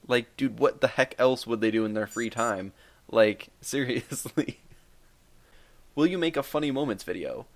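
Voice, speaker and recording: A YouTube gaming creator in his twenties answers viewer questions in a casual vlog. His voice is medium-pitched and creaky, and he rambles and jokes, using lots of fillers.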